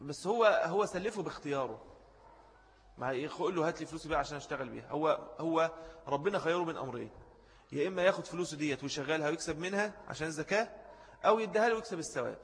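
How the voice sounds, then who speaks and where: A man with an Egyptian Arabic accent teaches a religious jurisprudence lesson at a quick clip, his voice pitched a little high. He repeats his key points and stops to answer students. The sound trails off in a long hall reverb. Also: animated.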